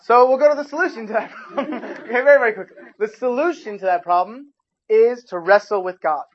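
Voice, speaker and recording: A man giving an informal sermon as a youth pastor, chatting casually with his listeners and adding animated asides. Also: very high-pitched, fast talker, a little hiss or hum. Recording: dull lo-fi recording.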